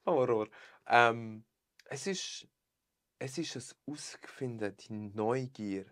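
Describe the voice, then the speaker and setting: A young man with a Swiss German accent, chatting openly as a podcast guest, expressive and sprinkling in English phrases. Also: medium pitch, slow, dry recording, studio quality. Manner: expressive, mixes English phrases, laughs often. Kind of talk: casual chat.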